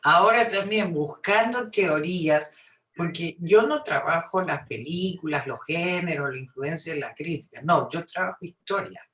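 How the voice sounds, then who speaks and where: A woman's voice: on the low side, animated, moderate pace, fairly bright tone. A woman from Peru with a Peruvian Spanish accent gives an informal academic talk in a conversational way, often adding little tag questions. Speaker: academic, film historian speaking at a seminar. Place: seminar room, indoors. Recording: echoey room sound.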